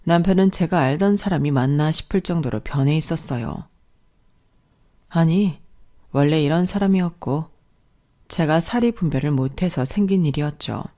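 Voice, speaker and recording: A woman telling a first-person family story in a calm, even and confiding way. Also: deep voice, moderate pace.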